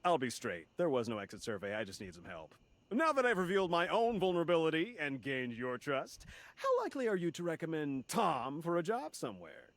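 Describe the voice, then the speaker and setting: A falsely chummy corporate manager in a video game. His highish voice swings wildly and theatrically as he plays at being jovial. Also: huge pitch swings, brisk, no room sound. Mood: smooth, resigned. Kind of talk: video game character acting.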